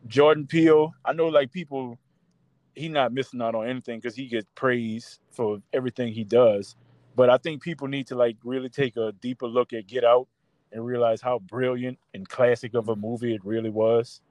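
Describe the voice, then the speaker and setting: A man's voice: mid-range voice, a little mellow, dry recording. A man chatting casually and informally, giving his opinions in a discussion. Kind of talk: casual chat.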